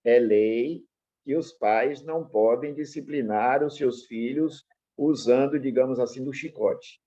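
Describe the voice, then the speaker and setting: A middle-aged man with a Brazilian Portuguese accent, a pastor teaching in an animated sermon full of personal anecdotes, acting out dialogue in changed voices. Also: medium pitch, a little slow, dull audio.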